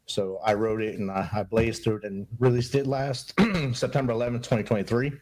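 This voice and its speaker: A man's voice: fairly low pitch, flat delivery, a little fast, a little mellow. A middle-aged man, a podcast guest, speaking in an earnest, upbeat and motivational way in a casual interview. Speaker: podcast guest, Army veteran and mentor.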